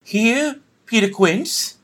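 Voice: mid-range voice, animated, slow pace, a bit bright. An actor playing a reluctant, plaintive young male bellows mender in a Shakespearean comedy.

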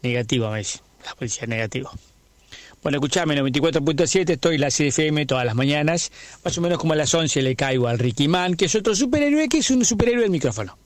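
A man's voice: a little high, lively intonation, fast, no echo, natural voice. A man with an Argentine accent playing a bumbling, boastful superhero who is afraid of everything, rambling through a radio comedy sketch and acting out each voice in his tale. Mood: rambling, comic. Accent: Argentine Spanish.

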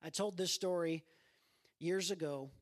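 A man preaching a sermon in a church, earnest and repeating his phrases for emphasis. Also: unhurried. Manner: earnest, repeats phrases, acts out quoted voices in a raised pitch. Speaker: pastor. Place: church sanctuary.

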